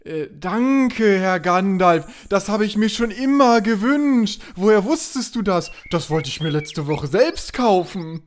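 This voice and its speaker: A man voicing a fussy, easily rattled male professor whose voice climbs high when he gets worked up. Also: expressive, measured pace, few pauses. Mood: pleased.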